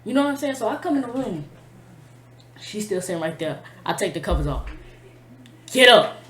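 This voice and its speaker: A woman's voice: mid-range voice, sing-song, fast, a little mellow. A woman telling a personal storytime to camera in a blunt, profane, emotional way, full of slang. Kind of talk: casual storytime vlog. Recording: echoey room.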